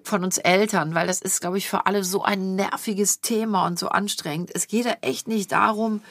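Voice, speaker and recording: A woman in her forties talks frankly, a mother hosting a casual podcast chat who lectures her daughter. Her voice sits at an ordinary middle pitch. The sound is dry and close, with no room echo. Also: steady tone, normal speed. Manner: direct, lecturing, keeps calling her daughter by name.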